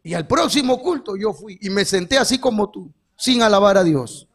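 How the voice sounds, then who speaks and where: A man giving a fervent testimony sermon as guest preacher, rising to shouts and calling out to his brothers. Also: sits high, animated, normal speed, slight background noise.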